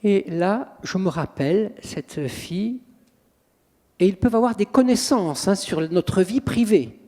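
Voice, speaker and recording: Lively high-voiced priest in an echoey room. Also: male voice, unhurried. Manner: animated, dramatic storytelling with acted quotes. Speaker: priest and exorcist. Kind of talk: interview storytelling. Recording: long reverb, echoey room.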